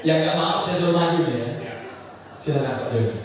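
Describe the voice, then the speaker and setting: A man coaching a public speaking workshop with lively, joking energy, drilling vowels with the audience. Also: fairly high pitch, a little fast. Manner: energetic, animated, jokey, drills vowels with the group. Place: large meeting hall with an audience. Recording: echoey hall, distant mic, crowd noise.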